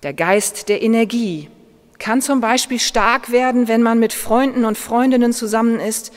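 A woman pastor with a German accent, preaching a sermon in a slow, measured way with gentle emphasis. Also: fairly high pitch. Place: church. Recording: long church reverb.

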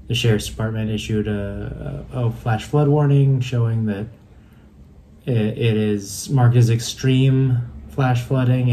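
A man's voice: fairly low pitch, dark tone, slight background noise. A man in his thirties vlogging a hike, talking into a phone held at arm's length, with many fillers and restarts. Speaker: hiking vlogger. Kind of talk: casual vlog narration. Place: outdoors on a mountain trail, later indoors in a room.

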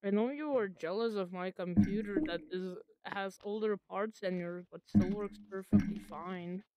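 A woman's voice: mid-range voice, normal speed. A woman livestreaming and chatting casually, bragging and swearing while teasing a friend. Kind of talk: casual gaming stream chat.

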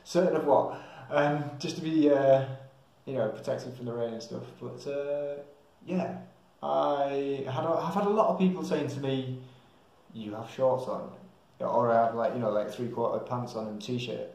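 A young adult vlogger from England, speaking with an English accent, talks casually and hesitantly to camera about his travels, thinking aloud as he goes. His medium-pitched voice is steady and darkish at a moderate pace. The small tiled room is very echoey.

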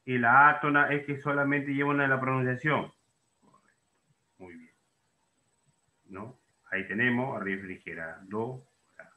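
A man's voice: medium pitch, steady tone, a little slow, long pauses, reverberant, narrow, tinny audio. A man teaching a lesson, asking and answering his own questions and putting students' doubts into words. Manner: explains in questions, voicing students' doubts himself. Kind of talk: classroom lesson.

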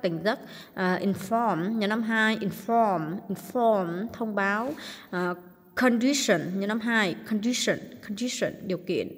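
Slow-paced Vietnamese-accented woman teacher. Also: medium pitch, fairly bright tone. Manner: repeats each English word slowly, then gives its meaning; frequent hesitation fillers. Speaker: English teacher. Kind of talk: vocabulary lesson. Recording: long hall reverb.

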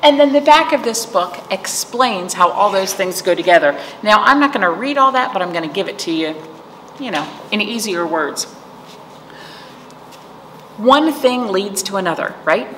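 A middle-aged woman, a children's librarian, hosts a virtual storytime of rhymes and read-alouds for young children, explaining simply and checking in with questions. Her medium-pitched voice is animated and fairly bright at a normal speed. She sits in a small indoor library room, and the recording is echoey with background noise.

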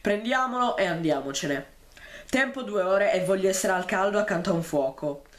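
A man's voice: high voice, expressive, moderate pace, a bit bright. A man reading an aloof sixteen-year-old boy, the eldest of the group, who speaks with scorn and impatience. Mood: scornful.

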